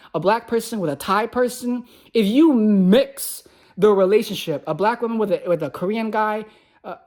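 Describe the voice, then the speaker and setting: A woman's voice: mid-range voice, darkish tone. A woman who speaks Khmer alongside English, delivering an impassioned, preachy monologue to viewers with emphatic repetition.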